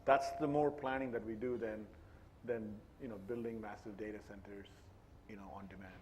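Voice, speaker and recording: A man's voice: on the low side, steady tone, moderate pace, darkish tone, a little hiss or hum. Man speaking on a tech panel. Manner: conversational, many restarts and "you know". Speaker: panelist CIO. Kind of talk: panel discussion.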